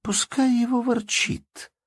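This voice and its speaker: A man voicing a playful, elegant young baroness who chatters briskly, in a read-aloud story. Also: very high-pitched, steady tone, breathy edge, no room sound, pitched above the performer's own voice, exaggerated voice.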